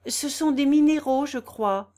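A woman voicing an innocent young girl who speaks up brightly in a storybook reading. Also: high-pitched, unhurried, pitched above the performer's own voice.

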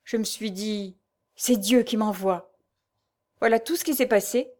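A woman's voice: mid-range voice, measured pace, a little mellow, close to an everyday voice. A woman reading the part of a young woman who speaks with exalted, pleading devotion in a storybook reading. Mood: fervent.

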